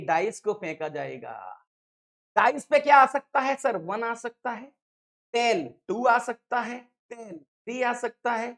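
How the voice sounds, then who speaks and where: A woman with a voice on the high side teaches maths online, explaining probability to exam students. Her lecture is lively and playful, and she addresses them as sir and dada.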